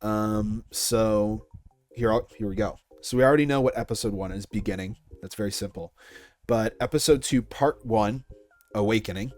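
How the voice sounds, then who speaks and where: A young man speaks informally about his project as a series creator in an interview, his fairly low voice a little mellow and at a moderate pace. He's casual and chatty, and faint music plays behind him.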